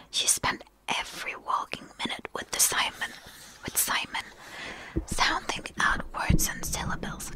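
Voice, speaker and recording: A woman whispering quickly as she reads a story aloud for ASMR, a native Turkish speaker who sometimes stumbles over and repeats words. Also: sharp tone, rough recording. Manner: fast whispering. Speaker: ASMR reader.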